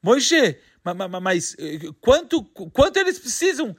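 A man's voice: high voice, expressive, unhurried, heavily acted. A man voicing an anxious grown farmer who stammers and exclaims in disbelief. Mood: stammering.

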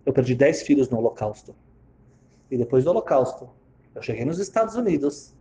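A man voicing a grieving elderly woman who survived the Holocaust, speaking slowly and earnestly to console someone. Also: mid-range voice, very animated, dark tone, slight background noise, close to an everyday voice. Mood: sorrowful.

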